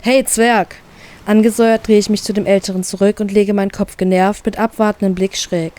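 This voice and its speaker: A woman's voice: medium pitch, little pitch movement, quick pace, dark tone. Woman reading a story in first person. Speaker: fanfiction reader.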